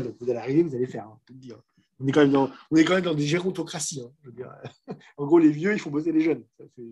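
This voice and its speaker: Chatty man, husky and mellow. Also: a little high. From France. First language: French. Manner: frank, chatty, many restarts and fillers. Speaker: managing director and guest speaker. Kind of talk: casual master class talk to students.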